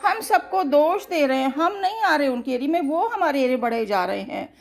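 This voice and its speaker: A woman's voice: sits high, animated, a little fast, vocal fry, soft background music, pitched above the performer's own voice. Woman voicing an earnest pleading jungle animal. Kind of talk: storytelling for children.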